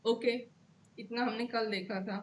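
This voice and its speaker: Higher-voiced woman teaching law. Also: fairly even intonation, unhurried, slight background noise. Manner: checks in often with "okay", repeats key terms. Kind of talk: explanatory lecture to students.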